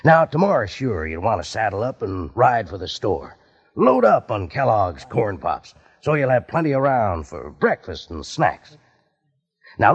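An actor playing a folksy cowboy pitchman who drawls heartily in an old radio commercial. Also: husky, full character voice. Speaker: ad announcer. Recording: slightly dull old radio recording.

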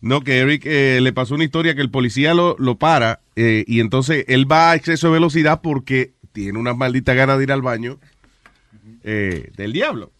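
A man hosting a call-in radio show, chatting in an animated way, laughing loudly and mixing Spanish with English. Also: mid-range voice, moderate pace, no room sound. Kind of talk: casual radio banter with callers.

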